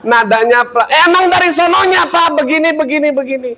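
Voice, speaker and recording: A man preacher voicing his wife as a loud, insistent woman who keeps repeating herself. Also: high-pitched, a little fast, pitched above the performer's own voice.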